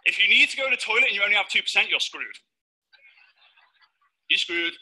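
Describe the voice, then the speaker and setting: A man giving a high-energy, playful motivational talk on stage to a live audience. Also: lively intonation, a little fast, sharp tone, slightly rough, low-quality recording. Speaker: motivational speaker.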